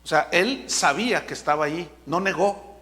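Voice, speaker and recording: A male pastor preaching a sermon with emphatic delivery, slowing down to stress key words. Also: on the high side, animated, pushed and bright, in a large hall.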